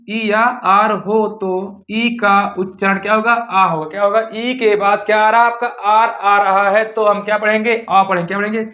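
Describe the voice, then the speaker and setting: A man with a fairly high voice teaches a lesson on pronunciation rules. He keeps asking a question and answering it himself, repeating each word several times in a patient drilling rhythm. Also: sharp tone. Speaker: English teacher. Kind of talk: classroom-style lesson.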